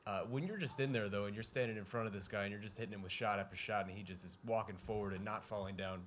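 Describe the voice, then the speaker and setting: Fast-talking low-voiced male reporter. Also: fairly even intonation, fairly bright tone. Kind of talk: spoken interview questions. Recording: some room noise behind.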